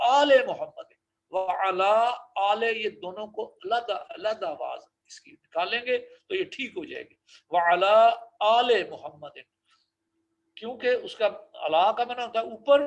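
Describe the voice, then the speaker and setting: A man giving a religious lesson on correct prayer pronunciation, slowly drawing out recited phrases and correcting common mistakes. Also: high voice, creaky, a bit bright, poor audio. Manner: slow drawn-out recitation of Arabic phrases between explanations; corrective, instructive tone. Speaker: religious teacher.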